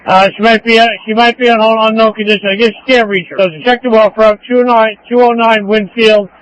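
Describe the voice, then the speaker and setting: High-voiced guy dispatching police units over a dull radio channel, sounds like marine radio calls. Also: little pitch movement, quick pace, a bit bright. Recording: band-limited two-way police radio.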